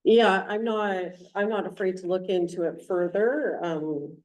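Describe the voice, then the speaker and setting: A woman serving as mayor chairs a council meeting, speaking plainly and unhurriedly in a medium-pitched, darkish voice while explaining things with everyday examples. She is picked up by a distant room mic, so the council chamber sounds echoey and far off.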